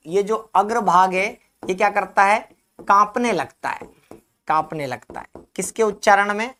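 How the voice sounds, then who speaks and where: Male teacher, live online class, asks and answers himself, repeats terms slowly. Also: sits high, smooth. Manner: drills by asking and answering his own questions; repeats key terms slowly for note-taking. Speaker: Hindi teacher.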